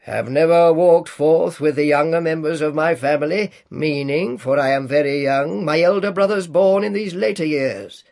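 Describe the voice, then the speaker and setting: A man voicing a jolly giant male spirit, kind and hearty, speaking slowly and emphatically in a storybook reading. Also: fairly high pitch, gravelly, a little mellow.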